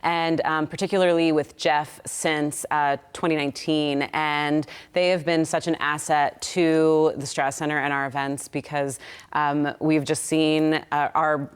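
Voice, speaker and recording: Low smooth-voiced woman guest. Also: fairly even intonation. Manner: measured, appreciative, with fillers. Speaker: arts center event organizer. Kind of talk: TV interview guest.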